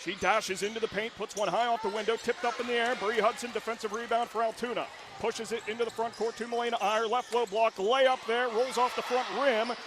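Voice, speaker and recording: Over loud gym noise on a radio broadcast, a man calls live high school basketball play-by-play. His calls come quick and excited, rising to shouts on the big plays.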